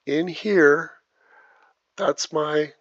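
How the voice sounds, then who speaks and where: A man teaching video editing step by step, narrating each click as he works, heard through low sample rate, muffled audio. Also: fairly even intonation, very slow, no echo. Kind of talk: step-by-step screen tutorial. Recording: dull lo-fi dry voice track.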